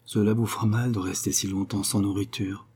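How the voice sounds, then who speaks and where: Male reader doing an insistent, kindly old housekeeper in a husky voice. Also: lowish voice, flat delivery, fairly quick. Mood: coaxing. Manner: gently insistent.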